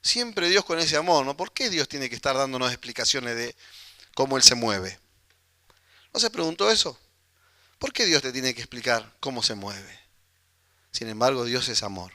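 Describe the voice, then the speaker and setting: A man with a Rioplatense Spanish accent preaching a sermon, animated and acting out the voices of people in the story. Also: mid-range voice, moderate pace, pauses often, dry recording. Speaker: pastor.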